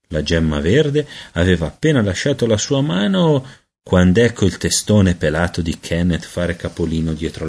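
A man narrating a children's storybook aloud in an expressive storytelling manner. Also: low voice, gravelly, husky. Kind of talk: audiobook narration.

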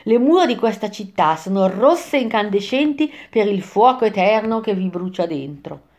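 A stern, solemn ghost of a poet leads the way through the dark, speaking with calm authority, voiced by a woman telling the tale. He sounds measured and sure of himself. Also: medium pitch, natural voice. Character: wise stern male ghost poet guide.

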